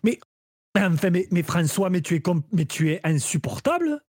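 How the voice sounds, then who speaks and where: A man's voice: high-pitched, big pitch swings, normal speed, darkish tone, slightly rough, dry recording, studio quality, full character voice. A man playing a hot-headed southern French café worker with a put-on Marseille accent, ranting theatrically in a live improv scene. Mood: exasperated. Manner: exasperated, theatrical rants.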